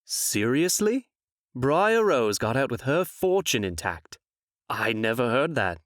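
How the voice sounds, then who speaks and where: A man playing a suave, vain, scheming fairy-tale prince in a comic dub, smooth-talking, theatrical and falsely humble. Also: mid-range voice, big pitch swings, slow pace, a bit bright, no room sound, clean studio sound.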